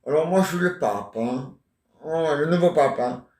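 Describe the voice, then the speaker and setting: A man's voice: a little high, normal speed, a little mellow, distant mic. A man in his forties rambling and joking in casual chat, teasing banter. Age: 40s. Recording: echoey room.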